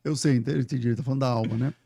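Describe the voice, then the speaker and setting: Um pastor na casa dos quarenta anos, convidado de um podcast, que conta histórias de forma animada, ri e cita a si mesmo. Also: male voice, mid-range voice, racing, gravelly, slightly rough, no room sound. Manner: animated, laughing storyteller who quotes himself. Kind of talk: casual podcast storytelling.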